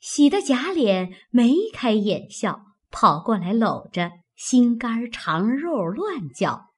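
A woman narrating a classic novel in a slow, measured storytelling manner. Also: fairly high pitch, big pitch swings, breathy edge.

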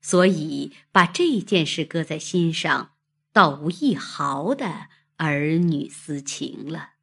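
A woman narrating a classic novel in a slow, expressive reading style. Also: low voice, vocal fry, breathy edge. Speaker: storyteller.

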